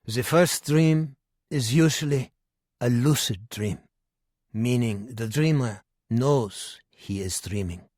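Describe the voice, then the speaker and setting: A man's voice: mid-range voice, slow pace, a little mellow, no room sound, studio quality. A man voicing a frail, dying male psychiatrist in his nineties, with a heavy German accent and a sly, probing way of asking questions. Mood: probing, lecturing. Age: 90s.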